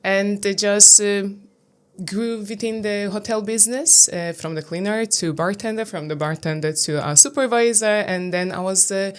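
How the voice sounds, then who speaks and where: A woman's voice: mid-range voice, moderate pace, clear, resonant tone. A woman in her thirties from Lithuania with a Lithuanian accent, speaking English as a second language in an interview, hesitant with many fillers. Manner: hesitant, many fillers, non-native grammar. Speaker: guest, pageant titleholder. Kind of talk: interview answers.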